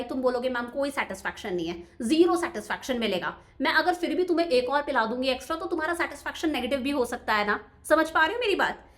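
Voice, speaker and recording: A young woman with a high, bright voice teaches a class in a lively, chatty way. She keeps talking straight to her students and checks often that they are following. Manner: chatty, addresses students directly with repeated check-ins. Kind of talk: animated classroom lecture.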